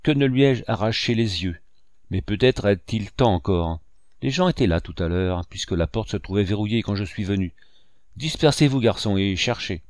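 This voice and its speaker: A man's voice: on the low side, expressive, normal speed, no room sound, studio quality, lightly acted. A man voicing a vicious blind old male pirate who snarls and barks orders at his gang. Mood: raging.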